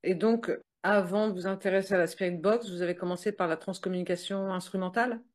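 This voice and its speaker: Calm interviewer asking follow-ups. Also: medium pitch, fast. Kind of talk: interview questions.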